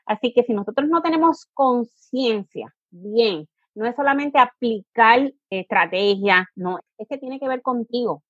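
A woman's voice: fairly high pitch, expressive, measured pace, few pauses, no room sound. Woman, educator, explanatory, dull lo-fi sound. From Puerto Rico. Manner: explanatory, acts out parent and child voices. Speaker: positive discipline educator and coach. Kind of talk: interview answers.

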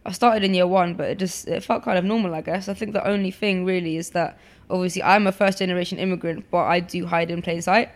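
A woman in her twenties, a photographer born in Poland and raised in London, chats casually as an interview guest. Her fairly low voice holds a steady tone at a fast clip, full of fillers and restarts.

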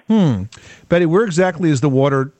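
A man's voice: on the high side, expressive, a little fast, darkish tone, no echo. A man hosting a home improvement call-in show, explaining things step by step in a conversational, folksy way. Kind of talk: conversational radio advice.

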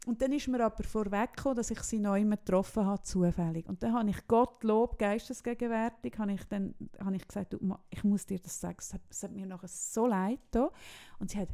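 A woman's voice: mid-range voice, mellow. A woman with a Swiss German accent, co-hosting a podcast and telling a story in casual chat with many restarts. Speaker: podcast co-host.

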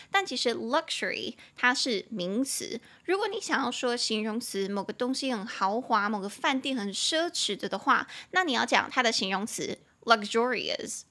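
A young woman, fairly high in pitch, hosts a laid-back English lesson podcast where she explains words and slowly spells them out, her manner lively and self-amused.

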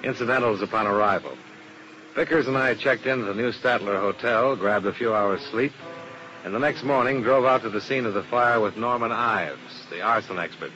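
Johnny Dollar the dry investigator. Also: male voice, on the low side, normal speed, bright, forceful tone, a little hiss or hum. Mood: matter-of-fact. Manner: dry, laconic, matter-of-fact. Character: wisecracking male insurance investigator, dry and unflappable. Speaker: lead detective and narrator. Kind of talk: 1950s radio drama acting. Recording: muffled old radio broadcast with music.

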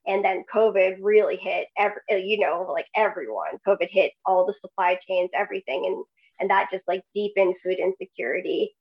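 The audio is dull as a woman with a mid-range voice talks at a moderate pace on a casual podcast. A guest researcher in agriculture, she relies on many fillers and laughs through serious topics.

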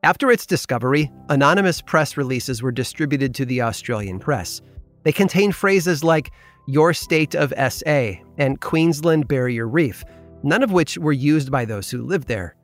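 A man's voice: mid-range voice, lively intonation, moderate pace, soft background music. A man reading scripted storytelling narration. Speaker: podcast narrator.

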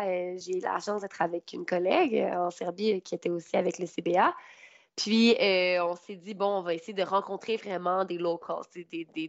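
A young Canadian woman with a Québécois accent answers an interviewer in a loose, chatty way, filling pauses with "euh" and breaking into small laughs. Her voice sits at an ordinary pitch for a woman. The recording is dull and lo-fi, with a dry, close sound. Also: no echo. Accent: Québécois French. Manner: hesitant, many "euh" fillers, laughs often.

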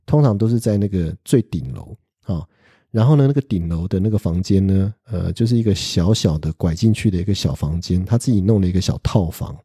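A middle-aged man with a Taiwanese Mandarin accent tells a casual podcast story in a husky, dark, mellow voice. His talk is chatty and full of small tag words and fillers. The sound is dry and close to the mic. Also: on the low side, no echo. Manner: chatty, many "ha" tags and fillers. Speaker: law professor podcast host.

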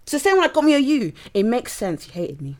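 Essex-raised woman, south-east English accent, quick, lively, expressive casual storyteller. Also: on the high side. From Essex, England. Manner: expressive, acts out quoted exchanges. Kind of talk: casual storytelling in group chat.

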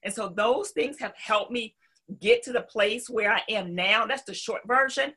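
Bright-voiced Southern American woman. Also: on the high side, normal speed, husky. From North Carolina, southern United States. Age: middle-aged. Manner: emphatic, with folksy asides. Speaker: interview guest. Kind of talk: conversational personal storytelling.

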